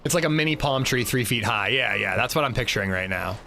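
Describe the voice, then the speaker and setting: A man's voice: mid-range voice, expressive, fast, gravelly, bright, forceful tone, a little hiss or hum. A male streamer chatting casually with his audience and friends, self-mocking and reading out chat messages. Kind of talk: casual gaming livestream chat.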